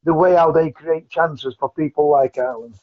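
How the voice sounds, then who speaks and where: Male caller heard over a muffled phone line, earnest, repeats himself, voice a bit high. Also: fairly even intonation, moderate pace. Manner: earnest, repeats and restarts phrases. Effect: heard over a phone call. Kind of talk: casual call-in chat.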